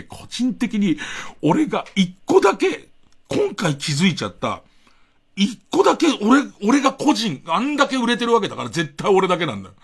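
Husky, animated middle-aged radio man. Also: a little high. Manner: rambling, self-mocking, chuckling asides. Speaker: radio host. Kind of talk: late-night radio monologue.

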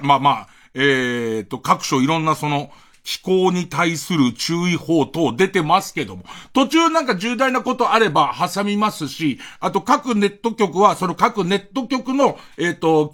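A man talking through a late-night radio monologue, chatty and rambling, with lots of hesitant fillers. His voice sits high and moves around a lot as he tells his stories. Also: a bit bright. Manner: rambling storytelling full of fillers; casual, chatty. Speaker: radio host.

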